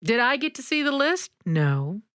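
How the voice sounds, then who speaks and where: A woman's voice: fairly high pitch, sing-song, normal speed, a bit bright, dry recording, studio quality. A woman hosting a podcast, telling stories in a chatty, folksy way with frequent laughs. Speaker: podcast host. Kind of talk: casual storytelling chat.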